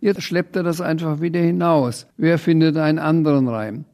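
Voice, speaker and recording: An older man voicing a cheeky rhyming creature who bosses a class of children through a poem, in a gravelly storybook voice. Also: fairly high pitch, moderate pace, a little mellow, pitched above the performer's own voice, close to an everyday voice. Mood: playful. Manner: playful, praising and correcting the children.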